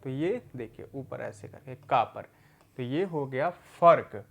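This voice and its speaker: A man teaching a recorded adult literacy lesson, patiently asking questions and answering them himself, repeating words slowly for learners. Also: mid-range voice, expressive, vocal fry, fairly bright tone.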